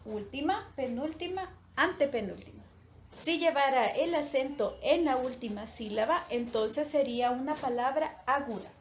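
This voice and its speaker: A female teacher records a grammar lesson for young pupils, explaining slowly and clearly and splitting words into syllables. Her voice is high-pitched and expressive, with a slight hiss or hum in the background.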